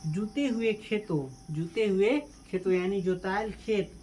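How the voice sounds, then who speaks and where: A woman teaches a class, reading a text line by line and then asking the students about it. Her pitch sits in an ordinary middle range. A faint hiss runs underneath her voice. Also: unhurried, mellow. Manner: repeats each line and quizzes students, mixing in local dialect. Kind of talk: explaining a school text to a class.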